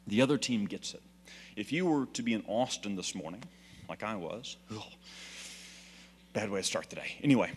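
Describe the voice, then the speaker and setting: A man from Texas giving an energetic, exhorting speech to a political meeting, telling stories to rally the room. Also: lowish voice. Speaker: political activist speaker. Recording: hall reverb.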